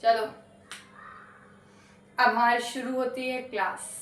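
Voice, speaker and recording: A woman's voice: fairly high pitch, flat delivery, slow, fairly bright tone. A young woman teaching a maths lesson to students, chatty and coaxing, often asking them to promise to study. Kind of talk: casual online lesson. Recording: echoey room.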